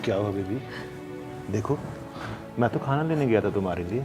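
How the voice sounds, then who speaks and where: An actor playing a man who holds his young wife captive, coaxing and softly menacing in a crime drama. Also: lowish voice, lively intonation, a little fast, close to an everyday voice. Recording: music playing under the voice.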